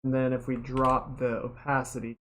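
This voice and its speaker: A woman's voice: rumbling low, normal speed, slight background noise. A woman art streamer chatting casually and muttering to herself while she draws. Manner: relaxed, mutters while working. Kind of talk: casual chat while drawing.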